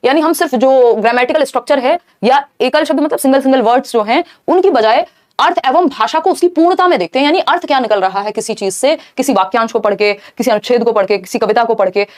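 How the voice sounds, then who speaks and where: Female tutor, live online lesson, rapid explanatory delivery, slightly high voice. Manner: brisk, explanatory, talks to chat viewers. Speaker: teacher.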